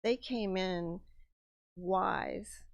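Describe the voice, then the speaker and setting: A woman's voice: on the low side, extremely slow, gravelly, no echo. Earnest rambling woman guest, dry sound. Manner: earnest, rambling, many restarts. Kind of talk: casual interview chat.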